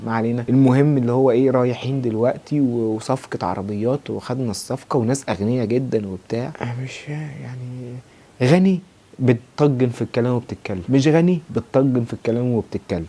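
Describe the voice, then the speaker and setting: A young Egyptian man rattles off a review at breakneck speed. His voice is dark and a little husky. He sounds exasperated and sarcastic throughout. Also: medium pitch. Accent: Egyptian Arabic. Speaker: TV series reviewer. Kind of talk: fast ranting review.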